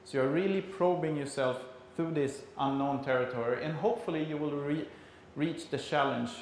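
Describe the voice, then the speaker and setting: A man with a Swedish accent gives a conference talk in a fairly high voice. His delivery is halting and explanatory, and the room is very reverberant, with a faint layer of noise. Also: darkish tone. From Sweden. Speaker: conference speaker. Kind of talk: conference presentation.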